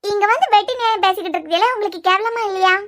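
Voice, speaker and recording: A woman voicing a quick-witted young wife in a cartoon web series, with a Kanyakumari Tamil accent and sharp, bickering retorts. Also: very high-pitched. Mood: banter.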